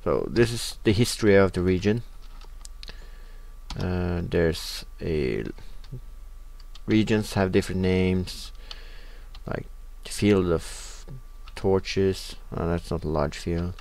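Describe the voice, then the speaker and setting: Low-pitched and slow, with vocal fry and a darkish tone, a young man with a Norwegian accent from Norway talks casually through a computer game as a let's play host. His delivery is hesitant and packed with "uh" fillers while he reads what's on screen.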